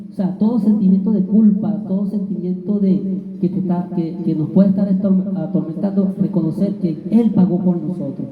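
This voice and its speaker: A man delivers a sermon, driving his points home by saying them again and again. His voice sits far from the mic and rings with a long hall reverb. The sound is thin and narrow, like a phone line. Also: high-pitched. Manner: emphatic preaching with repeated phrases. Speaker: preacher.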